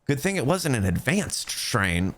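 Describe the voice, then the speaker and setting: A man's voice: mid-range voice, big pitch swings, measured pace, a bit bright. A young man doing comedic commentary as he reads out reviews, joking in slangy speech and calling the listener bro. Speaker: YouTuber reading reviews.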